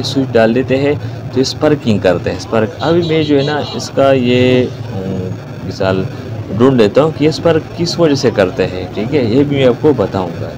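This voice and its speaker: A man's voice: medium pitch, background noise. A man with a Pakistani Urdu accent giving a hands-on repair tutorial, explaining each step and repeating key words as he works. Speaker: repair technician.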